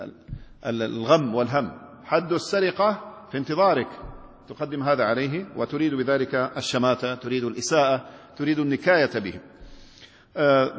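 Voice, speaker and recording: A man, a sheikh, teaching a classroom lecture on rhetoric, putting questions to his students and often restarting his words. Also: mid-range voice. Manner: lively, asks students questions, many restarts. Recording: long hall reverb.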